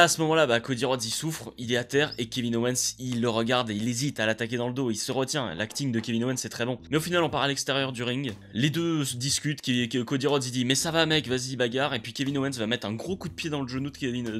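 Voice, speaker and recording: A man giving a casual spoken review of a wrestling show, chatty and enthusiastic, often pausing on fillers. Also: medium pitch, fairly bright tone. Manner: chatty, hesitant with frequent fillers; enthusiastic play-by-play recap.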